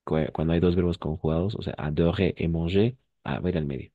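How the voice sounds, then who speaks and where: Deep-voiced man teaching French in Spanish. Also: fast talker, no room sound, narrow, tinny audio. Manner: patient, switches between Spanish and French, drills pronunciation. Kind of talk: online class, explaining in Spanish and French.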